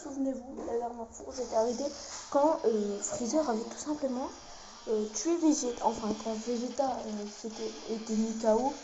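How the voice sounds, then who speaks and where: A woman's voice: a little high, moderate pace, dark tone, muffled recording, slight background noise. Chatty woman commenting on a game. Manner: chatty, swears freely, many fillers. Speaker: gaming youtuber. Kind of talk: casual gameplay commentary. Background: game music.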